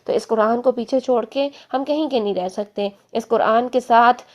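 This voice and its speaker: A woman teaching an online religious lesson, explaining step by step and repeating examples slowly. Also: a little high. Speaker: Quran recitation teacher.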